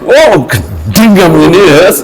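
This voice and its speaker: A man voicing an exasperated, sharp-tongued wife who scolds shrilly. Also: sits high, normal speed, pitched above the performer's own voice, natural voice, poor audio. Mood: furious.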